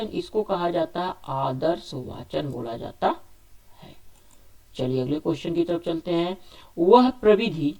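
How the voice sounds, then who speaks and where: Delivering an oral exam quiz, the male teacher speaks in a high-pitched, darkish voice. Every question is read aloud and answered by him, and he restates the options many times.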